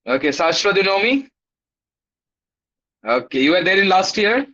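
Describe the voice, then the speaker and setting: Indian accent guy teaching kids online, kinda high voice, upbeat and encouraging, bit muffled lo-fi sound. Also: big pitch swings, moderate pace, pushed and bright. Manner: upbeat and encouraging, with repeated greetings and praise. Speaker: teacher of an online class for schoolchildren. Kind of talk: casual greeting and roll call in a live online class. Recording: dull, lo-fi online class audio.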